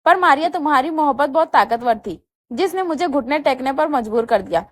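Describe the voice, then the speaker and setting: A woman reading the lines of a remorseful young man begging forgiveness, softly pleading. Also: high voice, animated.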